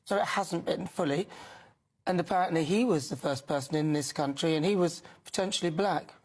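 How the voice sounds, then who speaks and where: A woman's voice: lowish voice, brisk, a little mellow. Challenging Geordie woman presenter. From Newcastle, England. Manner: challenging, persistent questioning. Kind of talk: heated studio debate.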